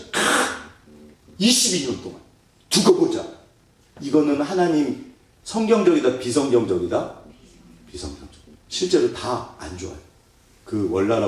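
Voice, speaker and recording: A male pastor preaches with a lively, swooping delivery, putting questions to his congregation and acting out little prayers. His voice booms around a very echoey church hall, picked up from well away from the mic. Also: recorded from a distance. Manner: animated, asks the congregation questions and acts out prayers and quotes. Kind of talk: sermon. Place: church sanctuary.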